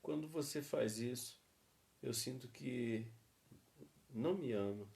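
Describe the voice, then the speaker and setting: A man with a gravelly voice helps lead a church couples seminar. He reads example phrases slowly and leads a prayer. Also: mid-range voice, a little mellow. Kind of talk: reading example phrases and praying.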